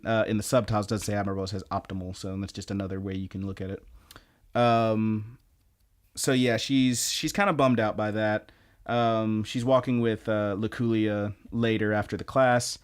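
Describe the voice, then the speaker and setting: A man co-hosting a podcast, casually recapping anime episodes in a rambling, animated way and jumping into excited voices for quoted lines. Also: fairly low pitch. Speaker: podcast co-host.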